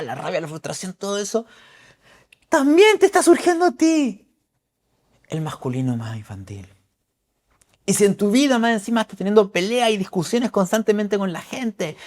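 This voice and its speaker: A middle-aged man giving an astrology forecast talk, emphatic and preacherly, repeating key phrases. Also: high-pitched.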